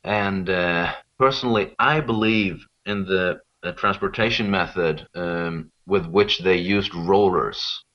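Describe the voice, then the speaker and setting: Low and slow, with hardly any pauses, a man from Sweden talks informally as an interview guest, explaining Rapa Nui from a local expert's view. "You know" comes up often as a check-in. The sound is dull and lo-fi, like a call.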